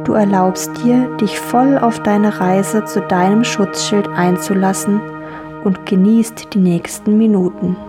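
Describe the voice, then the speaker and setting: A woman guiding children through a relaxing dream journey, speaking calmly and soothingly with gentle repetition. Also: medium pitch. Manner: slow, calm, soothing and repetitive. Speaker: guided relaxation guide for children. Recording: soft music bed. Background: soft music.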